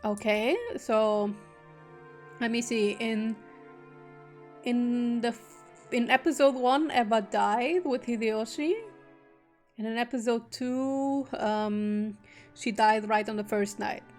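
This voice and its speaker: A woman's voice: on the high side, steady tone, takes it slowly, pauses often, darkish tone, soft background music. A woman streamer reading a visual novel aloud, breaking off now and then into joking casual asides. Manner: reads narration steadily, breaks off into joking asides.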